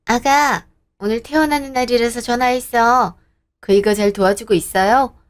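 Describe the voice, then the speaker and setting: A woman's voice: fairly high pitch, steady tone, moderate pace, close to an everyday voice. A woman doing a coaxing older mother-in-law. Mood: coaxing pleased. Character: older countryside mother-in-law, sweetly presumptuous.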